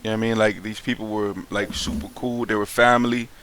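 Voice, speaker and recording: Lowish-voiced young man venting casually. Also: little pitch movement, quick pace, a bit bright, slight background noise. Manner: loose, slangy talk full of fillers and restarts; aggrieved, frank venting. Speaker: vlogger. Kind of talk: casual vlog monologue.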